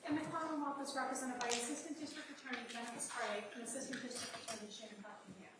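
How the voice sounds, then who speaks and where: A woman's voice: on the high side, steady tone, rapid-fire, fairly bright tone. A woman, a court clerk, making a formal courtroom announcement. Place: large indoor courtroom. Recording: very echoey courtroom, distant mic, faint noise.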